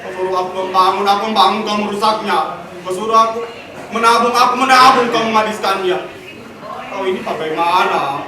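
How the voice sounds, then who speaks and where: A man's voice: high-pitched, brisk. Man reciting poetry on stage, rhetorical and emphatic, heard from afar in a reverberant hall. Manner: emphatic, rhetorical, swinging between loud and hushed. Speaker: poetry contest entrant. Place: large hall at a contest. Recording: echoey hall from far off with crowd.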